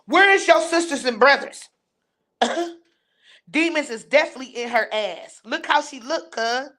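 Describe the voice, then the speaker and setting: A woman's voice: high-pitched, animated, a little slow, pushed and bright. A woman hosting a live stream, ranting bluntly and scornfully while reading and answering her viewers' chat. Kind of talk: heated live-stream rant.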